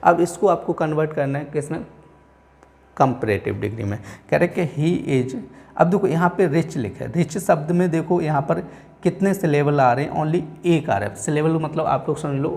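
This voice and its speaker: A man teaching English grammar in a Hindi-language class, with an Indian accent, who keeps repeating "theek hai" and slows down to read example sentences word by word. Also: a little high, vocal fry, darkish tone. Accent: Indian English, Hindi-speaking. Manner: repeats "theek hai" and "aap log dhyan rakhen" often.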